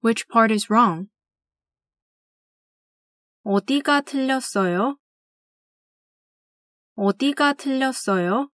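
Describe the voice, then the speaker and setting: A woman teaching language, reading classroom phrases slowly and carefully and saying each one twice. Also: a little high, fairly bright tone, no echo, studio quality. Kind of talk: scripted phrase drill.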